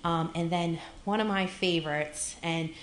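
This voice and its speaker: A woman's voice: fairly low pitch, fairly even intonation, unhurried, a little hiss or hum. A woman giving upbeat, chatty remarks at a public city meeting, with plenty of fillers. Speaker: city events organizer. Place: council chamber. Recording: echoey meeting room.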